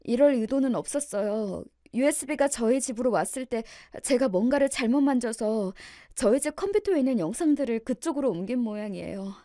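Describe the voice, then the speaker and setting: A woman's voice: on the high side, lively intonation, brisk, hardly any pauses, mellow, no echo, studio quality, pitched above the performer's own voice, lightly acted. A woman playing a humble pleading young wife. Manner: humble, apologetic, earnest. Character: young wife pleading tearfully before elders.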